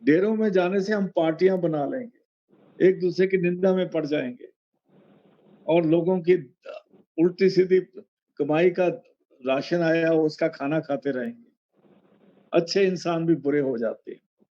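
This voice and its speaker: An older man with a Punjabi accent explaining sacred verses word by word, slowing down to recite the lines and repeating his warnings. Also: on the high side, warm tone. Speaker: satsang speaker explaining verses. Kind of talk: spoken sermon commentary. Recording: dull lo-fi recording.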